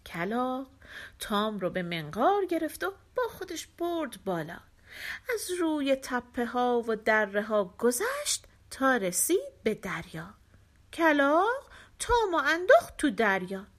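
A woman narrating a folk tale in an animated storytelling manner. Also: a little high. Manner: animated, voices quoted characters.

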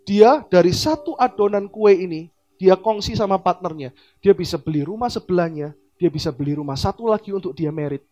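Animated high-voiced pastor preaching. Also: male voice, fairly quick, dull audio. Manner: animated, acts out quoted dialogue with big pitch swings. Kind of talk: sermon.

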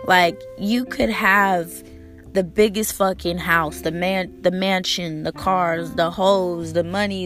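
A woman hosting a casual motivational monologue, slangy and emphatic with swearing, her squeaky, strained voice hoarse from a cold. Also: a bit bright. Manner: slangy, swearing, emphatic, repeating key phrases. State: hoarse from a cold, recovering from a lost voice. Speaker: podcast host.

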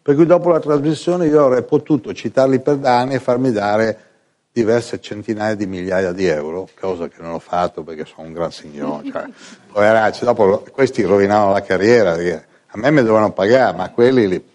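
A man telling funny anecdotes to an audience in a lively, casual way, often imitating other people's voices. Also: on the low side, fairly quick. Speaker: storyteller.

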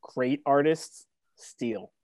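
An American man chats as a guest on a sports podcast, self-deprecating and casual, phrasing in stops and starts. His voice is mid-pitched and recorded very dry. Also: very slow, a little mellow, no room sound. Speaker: team staff member, podcast guest.

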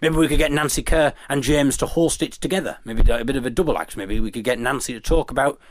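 A man hosting a podcast, chatting casually in a rambling, thinking-out-loud way. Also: mid-range voice, quick pace, slight background noise. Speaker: podcast host and interviewer.

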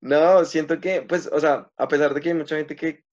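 A young man casually answering questions about his videos and life, often pausing and restarting his sentences. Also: fairly high pitch, fairly even intonation, darkish tone. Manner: hesitant, many fillers and restarts. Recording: slightly muffled recording.

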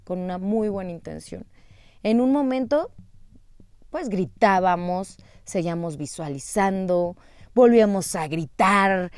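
A woman telling a personal story in an expressive, animated way. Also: on the low side, no echo, studio quality.

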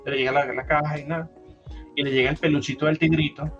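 A young Venezuelan man on a podcast, telling a story in casual chat, animated and full of swearing and slangy asides. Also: on the high side, quick pace, highs cut off, faint music behind. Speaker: podcast co-host.

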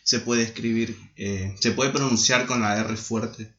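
A man's voice: medium pitch, fairly even intonation, a little slow, fairly bright tone. A man with an Argentine accent talking in a laid-back, slangy way in a casual chat among friends. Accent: Argentine Spanish. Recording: echoey, muffled, faint noise.

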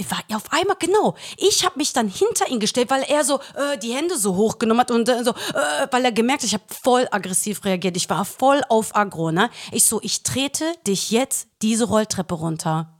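A woman with a fairly high voice, co-hosting a podcast in casual conversation. She tells her stories with animated, emphatic energy and drops the occasional curse word. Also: brisk, few pauses. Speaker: podcast co-host. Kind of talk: casual chat.

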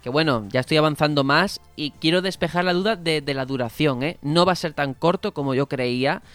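Podcast host, male, slightly high and smooth, reads out comments and replies, dry close sound. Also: fairly bright tone, dry recording, soft background music. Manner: reads comments aloud slowly, then answers them. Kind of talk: casual podcast chat.

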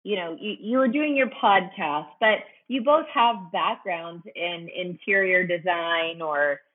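A woman co-hosting a podcast, asking her guests questions in a measured way. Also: lowish voice, phone-quality sound. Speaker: podcast co-host. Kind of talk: casual podcast chat.

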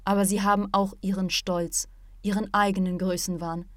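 A calm male martial arts teacher lectures his student in a measured, patient voice, as a woman reads him aloud. The pitch sits in a middling range. The audiobook recording is dry and close. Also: dry recording, natural voice. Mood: lecturing.

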